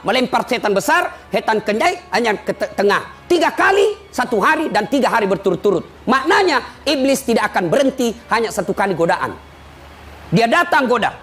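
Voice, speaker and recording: A man giving a sermon, telling lively stories and teasing his listeners. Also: extremely high pitch. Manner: lively storytelling, teasing the audience. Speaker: preacher.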